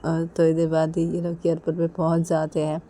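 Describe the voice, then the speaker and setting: A woman tells a romance story in a relaxed, casual way, chaining events with simple repeated phrasing. Her voice sits low and sounds mellow and warm. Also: a little fast. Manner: simple, repetitive phrasing with many linking 'then's.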